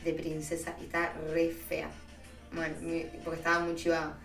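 Low-pitched and completely flat in delivery, at a moderate pace, this Argentine woman chats casually with her stream audience, telling stories in slang and laughing at herself. The sound is roomy, with a far-off mic and faint background music.

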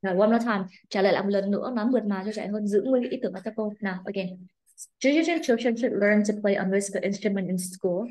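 A woman's voice: medium pitch, quick pace, a little mellow. A Vietnamese woman, an English teacher, drilling a student's pronunciation with strict, corrective remarks in a one-on-one lesson. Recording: echoey room.

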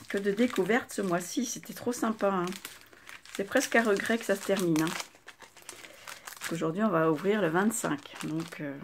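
Gravelly older woman gushing over crafts. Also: lowish voice, a little hiss or hum. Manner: chatty, gushing exclamations over each item. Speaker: craft video host. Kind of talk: casual unboxing chat to viewers.

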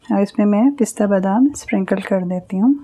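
A woman hosting her cooking channel, calmly explaining each step of a recipe as she cooks in her home kitchen. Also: medium pitch, a little fast.

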